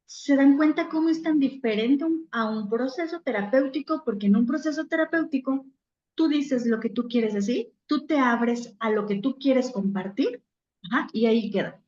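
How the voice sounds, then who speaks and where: Woman psychologist, high and roomy. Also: normal speed, a little mellow. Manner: conversational, acts out little scenes with quoted voices. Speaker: psychologist giving a talk. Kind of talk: virtual conference talk. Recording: roomy, dull lo-fi sound.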